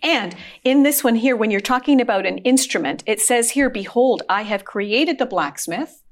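A woman's voice: fairly high pitch, expressive, moderate pace. A woman co-hosting a Bible program, quoting verses and asking reflective rhetorical questions. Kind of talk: scripture discussion.

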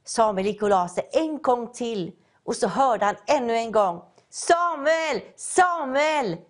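A woman preacher, giving a sermon and telling a Bible story, acting out its characters' voices. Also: mid-range voice. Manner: acts out story voices, calling out.

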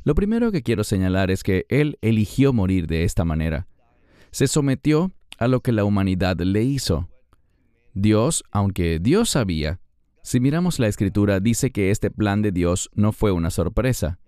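A man's voice: lowish voice, big pitch swings, moderate pace, dark tone, clean tone, no room sound, studio quality. A man as a guest Bible teacher, explaining in an emphatic way. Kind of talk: Bible discussion.

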